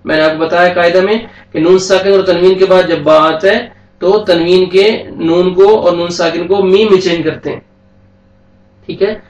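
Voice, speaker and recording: A man with a Pakistani Urdu accent teaching a tajweed lesson, slowly chanting verses and then quickly explaining the rules in a soft voice. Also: sits high, distant mic, dull audio. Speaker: Quran teacher. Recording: echoey room, voice a bit off-mic.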